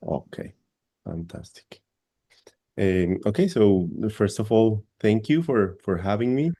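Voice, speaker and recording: Over a video call, a Colombian man presents in English on an academic panel, hesitating and repeating words often. His voice is fairly low, slow and warm.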